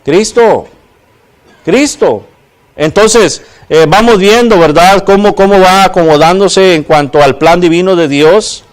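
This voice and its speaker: A man's voice: high voice, unhurried. A man preaching a sermon, often putting questions to the congregation and adding "¿verdad?". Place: church.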